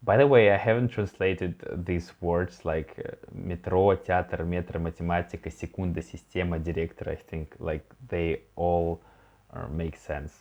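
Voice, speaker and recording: Man, language tutor, very low voice, unhurried, patient and encouraging, slightly muffled lo-fi audio. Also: steady tone, a little mellow. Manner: patient, encouraging, prompts learner to repeat words. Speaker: language teacher. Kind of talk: online language lesson.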